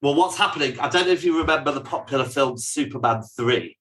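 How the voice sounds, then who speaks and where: A man with a mid-range, slightly bright voice talks quickly as he co-hosts a casual podcast, teasing and bantering with his co-host while keeping score. The audio quality is poor.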